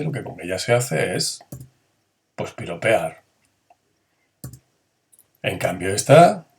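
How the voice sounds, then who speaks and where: The grammar teacher here has a fairly low, somewhat mellow voice. He quizzes his students, then answers his own questions, performing the intonation of each example.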